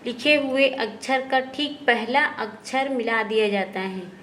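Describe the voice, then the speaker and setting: A woman teacher slowly going through textbook exercises, often asking a question and then answering it herself. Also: fairly high pitch, a bit bright, slight background noise. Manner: slow, explanatory, often asks and answers herself. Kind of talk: textbook lesson walkthrough.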